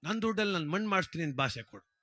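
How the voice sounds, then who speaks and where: Man putting on a stingy old miser, high and strained, bossy and insistent, faint music behind. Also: animated, rapid-fire. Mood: demanding. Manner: insistent, loud and demanding. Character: stingy stubborn middle-aged miser man.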